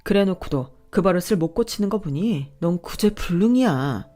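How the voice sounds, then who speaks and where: A woman voicing an angry wife who yells and hurls insults at her husband. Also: medium pitch, big pitch swings, normal speed, soft background music, pitched above the performer's own voice. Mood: scornful. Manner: yelling, scolding, sharp insults. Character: furious wife, adult woman, fed up.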